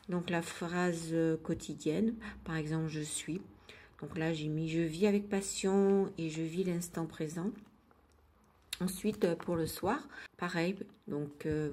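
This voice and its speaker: A woman vlogger chatting casually and gently about her daily routine, hesitating often with fillers. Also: deep voice. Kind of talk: casual chat.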